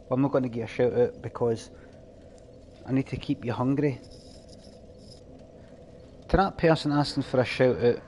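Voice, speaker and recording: Swearing, deadpan man streaming a game. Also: medium pitch, a little hiss or hum. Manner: addresses chat readers directly, swears freely; mock-exasperated, deadpan scolding. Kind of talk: live stream chat while gaming.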